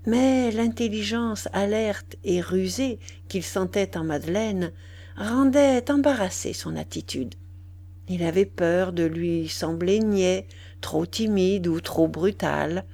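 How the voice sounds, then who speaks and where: A woman reads a classic novel aloud in a calm, deliberate way. She narrates slowly and takes her time over every phrase. Her pitch sits in an ordinary middle range. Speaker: reader.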